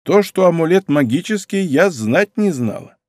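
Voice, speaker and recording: A man's voice: on the high side, lively intonation, moderate pace, a little mellow, no room sound, clean studio sound, voice pushed up, natural voice. Male reader playing a grouchy elderly lady from an audiobook; raised, snappish, grumbling. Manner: prickly, grumbling. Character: grumpy sharp-tongued old noblewoman. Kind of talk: audiobook character reading.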